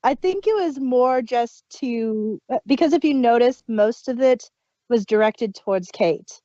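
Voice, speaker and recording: On a dull, muffled recording with no room sound, a female podcast co-host chats casually about an audio drama she's reviewing. Her voice sits on the high side, warm in tone and measured in pace, and she laughs often and trails off mid-sentence.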